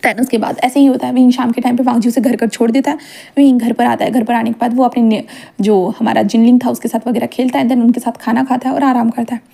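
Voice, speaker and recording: A woman's voice: on the high side, flat delivery, quick pace, creaky, mellow. A woman casually narrating a fan-fiction story in a chatty way, with filler asides.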